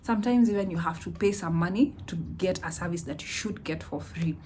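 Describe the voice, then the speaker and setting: A young Kenyan woman vlogging about running a business, telling stories in a lively way and mixing in Swahili phrases. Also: lowish voice, a little fast, a little hiss or hum. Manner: animated, mixes Swahili into English, laughs often. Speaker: vlogger, entrepreneur. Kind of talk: casual storytelling vlog.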